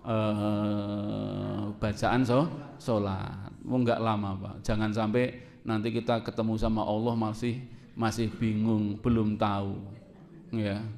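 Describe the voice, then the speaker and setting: A man preaching to a congregation in a lively, conversational way, asking his listeners questions and laughing along with them. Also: lowish voice, takes it slowly, gravelly. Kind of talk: sermon to a congregation.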